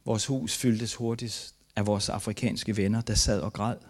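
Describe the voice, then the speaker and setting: An older man from Denmark, a missionary giving a testimony, reads aloud from his own memoir in an earnest, grief-laden and halting way. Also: fairly low pitch, little pitch movement.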